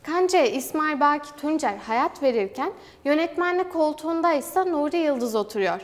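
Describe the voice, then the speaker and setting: A young woman presenting film news for university television, reading a script in a formal, even way. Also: high voice, normal speed. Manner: even, formal read-aloud delivery. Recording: hall reverb.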